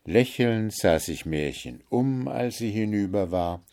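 Male storybook narrator, low and slow, measured reading. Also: animated, darkish tone. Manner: measured, old-fashioned fairy-tale narration.

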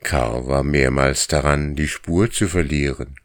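Male audiobook narrator with a very deep, unhurried read and a dry, close sound. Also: no echo. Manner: slow, measured storytelling. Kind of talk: scripted narration.

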